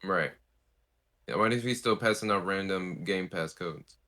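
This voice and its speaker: A man co-hosting a casual gaming podcast, animated and jokey, swearing freely. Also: low-pitched, unhurried. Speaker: podcast co-host. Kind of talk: casual chat.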